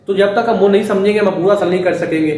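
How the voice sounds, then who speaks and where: A man's voice: sits high, darkish tone, faint music behind. A male teacher giving a classroom lecture, explaining step by step and often checking that students follow. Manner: explains slowly with repeated "ٹھیک ہے؟" checks. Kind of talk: classroom lecture on Urdu and Arabic. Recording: very echoey room, mic at a distance.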